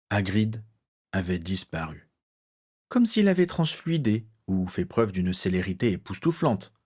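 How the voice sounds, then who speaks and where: A man narrating a story in an expressive, dramatic reading style. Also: lowish voice. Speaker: audiobook narrator.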